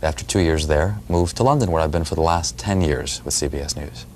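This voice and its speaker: A man's voice: a bass voice, a little fast, a little mellow. A man, a journalist answering interview questions thoughtfully. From New York City. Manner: thoughtful, with fillers. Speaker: journalist guest. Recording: faint background noise.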